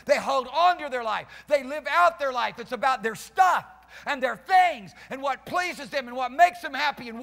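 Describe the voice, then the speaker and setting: A man's voice: extremely high pitch, vocal fry, sharp tone. A man in his fifties preaching an emphatic, fervent sermon to a live congregation, pacing the stage with a headset mic. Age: 50s. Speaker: pastor. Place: church hall stage with band gear, live congregation. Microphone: headset mic, preaching while pacing and gesturing. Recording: long reverb of a church hall.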